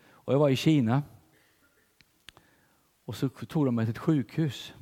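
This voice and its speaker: Older guy preaching in a church, husky dark voice, goes loud then real quiet. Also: mid-range voice, in a large hall. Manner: animated storytelling, swings between loud and hushed. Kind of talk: sermon.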